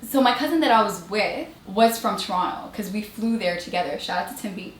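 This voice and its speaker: A young woman telling funny travel stories in a casual vlog, animated and laughing often as she acts out the people she quotes. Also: mid-range voice, brisk, a little hiss or hum. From Eritrean family abroad. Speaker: beauty vlogger. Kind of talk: casual storytelling while doing makeup. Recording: echoey room.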